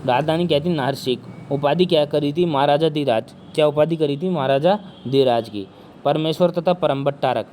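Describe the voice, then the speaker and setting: A male teacher giving an exam-prep history lecture, with a sore throat and speaking softly, who keeps asking questions and answering them himself. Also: fairly high pitch, moderate pace, slight background noise.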